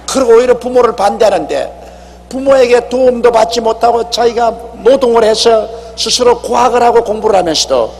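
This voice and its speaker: Animated man preaching in an echoey hall. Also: sits high. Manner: animated, exhorting, acting out dialogue. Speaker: pastor. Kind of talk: sermon. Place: church sanctuary. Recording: echoey hall with faint hum.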